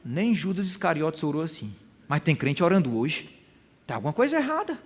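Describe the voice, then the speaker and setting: A man's voice: fairly high pitch, big pitch swings, a little fast. A man teaching a Bible lesson in sermon style, asking the audience questions and acting out quoted voices, with a Brazilian Portuguese accent.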